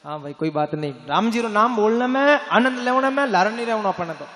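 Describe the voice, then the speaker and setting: High-voiced Rajasthani preacher singing bhajans. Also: male voice, fairly quick. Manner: alternates singing and animated preaching to a crowd. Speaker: religious storyteller. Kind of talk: devotional katha with sung bhajans. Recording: echoey hall with music.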